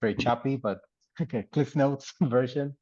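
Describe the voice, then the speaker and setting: In an oral history interview, a middle-aged artist in residence from the Dominican Republic and Puerto Rico recounts his life in a loose, rambling way, full of fillers and laughter. His voice is medium-pitched at a moderate pace, with no echo but the high frequencies cut off.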